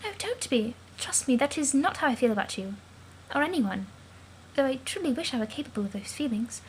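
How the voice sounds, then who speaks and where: A woman voicing a shy, formal alien girl who speaks softly in prim, proper phrasing. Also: high voice, animated, a little fast, a little hiss or hum, low-quality recording. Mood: wistful.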